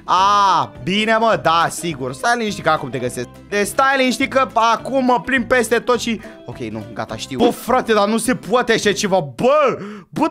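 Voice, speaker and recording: Young male gaming YouTuber, lively swooping voice, excitable, faint background music. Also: high voice. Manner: animated, talks to viewers, jumps from hushed to loud. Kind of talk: excited gameplay commentary.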